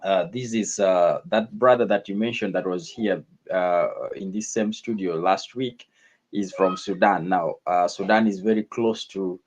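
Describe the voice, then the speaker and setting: A man from northern Uganda, speaking as a guest on a talk radio show in a measured way, with frequent fillers. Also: low voice, fairly even intonation, darkish tone. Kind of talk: conversational interview. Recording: dull lo-fi sound.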